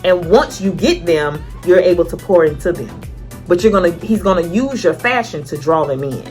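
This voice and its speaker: A woman vlogger telling a personal story in a chatty way, acting out her own past thoughts with lively asides. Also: lowish voice, moderate pace, soft background music. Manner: chatty and conversational, many fillers like "like" and "you know". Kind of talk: casual storytelling vlog.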